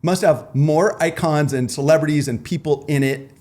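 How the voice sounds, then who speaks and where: A man's voice: on the high side, normal speed, a little mellow. A man hosting a podcast, chatty and upbeat, with casual surfer slang. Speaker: podcast host. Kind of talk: casual interview chat.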